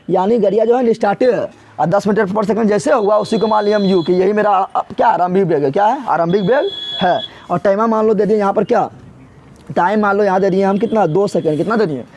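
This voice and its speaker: Male teacher giving an exam-prep physics lesson, high and raspy-edged, drills each term with a question and answers it himself. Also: a little mellow. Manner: asks a question then answers it himself, repeats key terms; casual, colloquial, addresses students directly.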